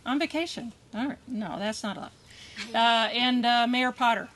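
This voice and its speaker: A woman emcees an outdoor park ceremony, reading names and chatting casually with plenty of fillers. There is clear background noise around her voice. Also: a little high, normal speed. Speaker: board member emceeing a dedication ceremony. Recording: noisy outdoor recording.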